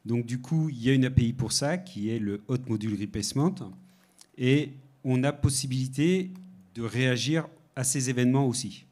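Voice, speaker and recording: Man, from France, mid-pitched voice, co-presenter, short leading questions, conference talk. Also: moderate pace, darkish tone. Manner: sets up each step with short leading questions.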